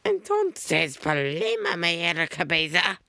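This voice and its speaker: Man putting on a high squeaky villain girl, creepy and adorable, gravelly edge, dry close sound. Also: huge pitch swings, takes it slowly, pushed and bright, no echo, full character voice. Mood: creepy cute. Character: creepy, cutesy young female villain admin.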